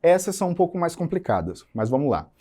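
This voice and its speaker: A man from Brazil, a teacher giving a recorded lesson, explaining patiently and repeating example words slowly for emphasis. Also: a little high, sing-song, dark tone.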